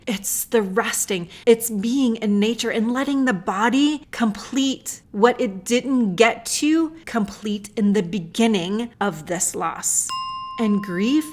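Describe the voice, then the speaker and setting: Woman podcast host, slow calm breathing guide, chatty asides like "right?". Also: fairly high pitch. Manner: slow, soothing, counts breaths aloud; conversational with tag questions like "right?". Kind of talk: guided breathwork then reflective talk.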